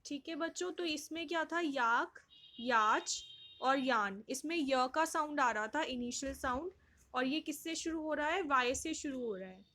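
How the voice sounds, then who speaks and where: Woman teacher for small kids, Indian English accent, high voice, unhurried, repeats everything patiently. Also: pushed and bright. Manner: slow, patient, repeats questions and answers for young children. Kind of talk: online class lesson.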